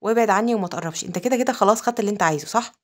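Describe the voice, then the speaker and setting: A woman with an Egyptian accent voicing a sharp-tongued young noblewoman in a recap story. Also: mid-range voice, racing, lightly acted. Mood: curt. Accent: Egyptian Arabic.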